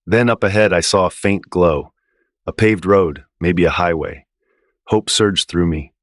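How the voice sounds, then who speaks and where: A man reading a first-person horror story in a low, tense storytelling manner. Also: measured pace, fairly bright tone, no room sound, studio quality. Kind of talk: scripted first-person narration.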